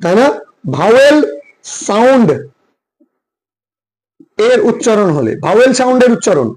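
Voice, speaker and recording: A man's voice: very high-pitched, sing-song, normal speed, darkish tone, rough recording. A man with a Bengali accent, an English tutor giving a classroom-style lecture, repeating each rule and quizzing his students with questions.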